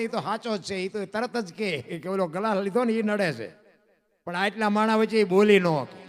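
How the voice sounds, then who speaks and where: Male folk storyteller, high pitch, emotive devotional delivery, light music under the voice. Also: fairly bright tone. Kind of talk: Gujarati dayro devotional storytelling. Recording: faint music behind the voice.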